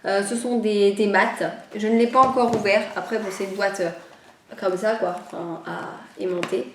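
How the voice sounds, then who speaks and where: A woman's voice: medium pitch, fairly even intonation, moderate pace, echoey room, a little hiss or hum. A woman chatting casually in a vlog, a little nasal after a cold, rambling and hesitant with many fillers. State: recovering from a cold. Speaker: vlogger. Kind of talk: casual chat.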